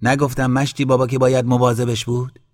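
A man's voice: medium pitch, flat delivery, big-room sound, pitched above the performer's own voice, natural voice. A man voicing a meddling old village man in a storybook reading. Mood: tattling.

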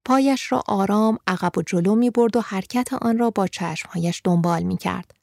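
Gravelly-voiced woman narrating a story. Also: medium pitch, darkish tone, dry recording, studio quality.

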